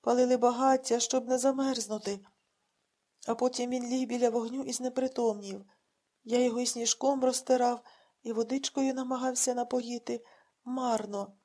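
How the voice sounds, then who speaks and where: A woman's voice: a little high, warm tone, close to an everyday voice. A woman voicing an old blind male bandurist who is breathless and pleading with worry. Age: older.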